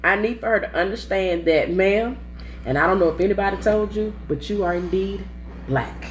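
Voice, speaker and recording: A woman co-hosting a podcast in casual chat, animated and mocking as she lays out her grievances. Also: medium pitch, normal speed, roomy sound, soft background music. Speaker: podcast co-host.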